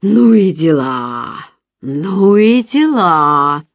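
A woman reader voicing an excitable, gossipy young woman friend who talks loudly in exclamations. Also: on the low side, extremely slow, no echo, exaggerated voice. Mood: excited. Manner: loud, exclamatory, emphatic.

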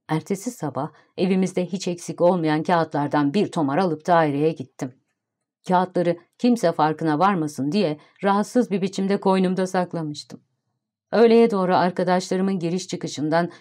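A woman narrating a literary audiobook in a calm, even storytelling manner. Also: on the low side.

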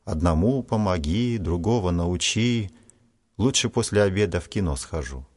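Male reader doing a haughty, scolding schoolboy, sharp and preachy. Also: low-pitched, animated, moderate pace, breathy edge. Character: proud, harsh, self-righteous schoolboy Vanya.

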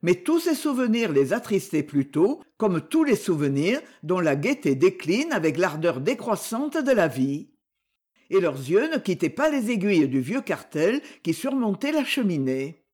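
An audiobook reader narrating a short story in an expressive way, with dramatic pauses. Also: mid-range voice.

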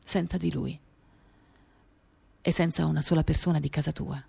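Reading a novel for radio theatre, this woman's low, dark voice is creaky with a breathy edge, at a moderate pace and fairly even intonation. She delivers the literary monologue in short, intimate, dramatic, confiding phrases, with acoustic guitar in the background.

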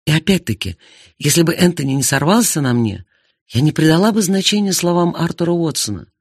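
A man's voice: on the high side, a little fast, slightly rough, no room sound, studio quality. A man reading first-person narration in an audiobook, expressively. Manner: expressive, animated. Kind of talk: scripted narration.

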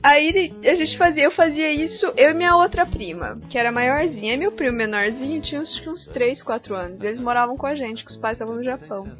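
A young woman spins lively childhood stories on a casual podcast, acting out little voices as she goes. Her voice is high. Faint music sits behind her. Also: a little fast, hardly any pauses, highs cut off. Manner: animated storyteller, acts out voices. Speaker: podcast co-host.

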